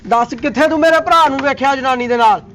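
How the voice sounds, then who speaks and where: A man's voice: very high-pitched, fast, a bit bright. A man playing the husband's brother, brash and insulting toward the others. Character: husband's brother, a loud defender of his brother.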